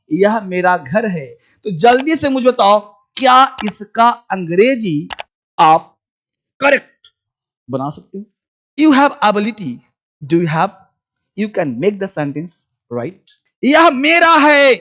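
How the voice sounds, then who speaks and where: High-voiced, slow-paced male English teacher. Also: fairly bright tone. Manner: addresses viewers as friend and brother, drills examples; slow spelled-out English phrases between quick Hindi. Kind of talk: online English grammar lesson.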